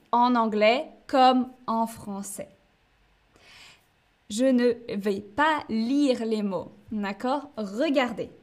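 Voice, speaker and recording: A woman from France teaching a French lesson on a live stream, speaking slowly and clearly and often checking in with "d'accord?". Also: sits high, a bit bright. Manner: slow, clear teacher talk with frequent "d'accord?" and "hein".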